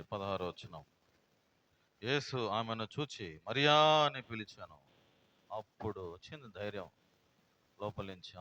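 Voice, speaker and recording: A male pastor preaches in a forceful, bright voice. He swings between loud and soft and keeps asking his listeners questions. The recording sounds dull and lo-fi. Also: on the low side. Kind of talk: sermon.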